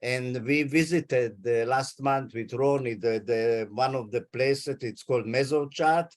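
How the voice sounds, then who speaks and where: A native Hungarian speaker from Hungary, now in his eighties, is being interviewed by video call about his family history, which he relates carefully. He survived the Holocaust. His voice is mid-range and his pace measured.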